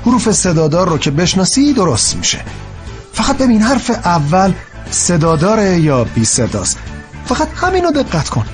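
A man's voice: high-pitched, huge pitch swings, soft background music. A man voicing a young male engineering-student tutor in a dubbed drama, upbeat but easily exasperated. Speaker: private tutor.

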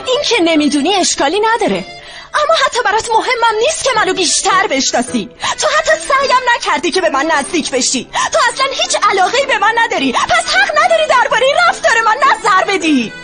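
An actress dubbing a hurt, resentful younger sister, speaking in a bitter, accusing way. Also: female voice, very high voice, very animated, music in the background. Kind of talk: dubbed TV drama acting.

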